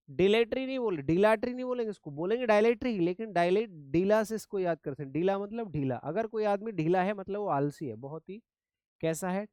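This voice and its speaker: A man's voice: sits high, darkish tone, clean tone, no room sound. Hindi-English mixing male teacher, dry sound. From India. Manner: explains in Hindi with English words, repeats words with memory tricks. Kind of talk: vocabulary lesson.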